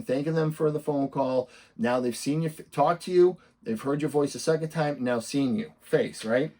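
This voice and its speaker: A man's voice: mid-range voice, mellow. A man with a Boston accent coaching real estate sellers' agents, talking emphatically and acting out upbeat sample messages. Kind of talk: instructional talk to camera.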